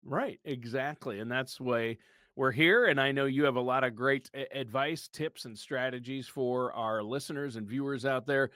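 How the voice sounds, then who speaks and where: Brief: fifties male co-host, mid-pitched, dry close sound, chatty and jokey. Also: moderate pace, fairly bright tone, dry recording. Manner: chatty, joking, laughs often. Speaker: podcast co-host. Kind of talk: casual podcast chat.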